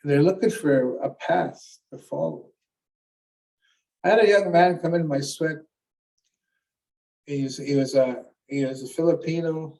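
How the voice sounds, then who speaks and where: A Canadian man gives a keynote as an elder, teaching earnestly through stories and retold conversations, which he recounts with many restarts. His fairly high, darkish voice is a little slow, with long pauses. He is picked up from a distance.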